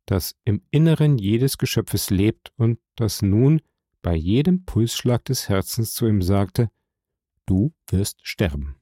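A man narrating an audiobook in a measured, dramatic reading style. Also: lowish voice, mellow, no echo, clean studio sound. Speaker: audiobook reader.

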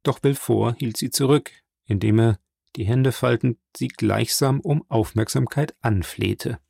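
A man narrating a classic novel as an audiobook, steady and even, on a close studio mic. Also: mid-range voice, unhurried, vocal fry, slightly rough, dry recording.

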